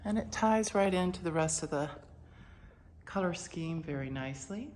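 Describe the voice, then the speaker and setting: A woman narrating an informal house walkthrough in a matter-of-fact way, listing items in short phrases with pauses. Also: on the low side, expressive, a little mellow, a little hiss or hum. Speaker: property renovation presenter. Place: inside a house, walking through rooms.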